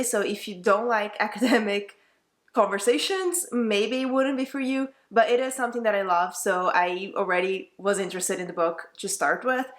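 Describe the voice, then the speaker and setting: A young native Portuguese speaker with a Brazilian accent reviews a book with casual enthusiasm, wandering off track and correcting herself along the way. Her voice is medium in pitch and fairly bright.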